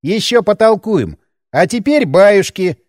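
A man's voice: high voice, very animated, measured pace, a little mellow, no room sound, clean studio sound, voice pushed up. A man voicing a scarred, hooded gunman in an audiobook, drawling and mocking. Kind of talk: audiobook character voice.

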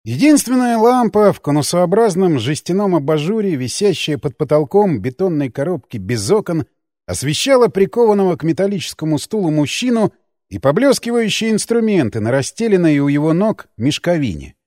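Give me a man narrating an audiobook, high and lively, close and dry. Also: brisk, no echo.

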